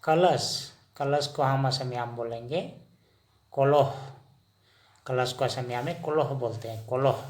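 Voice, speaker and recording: A man teaching vocabulary in a slow lesson, asking the listener each word and then repeating the answer. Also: medium pitch. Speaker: language teacher.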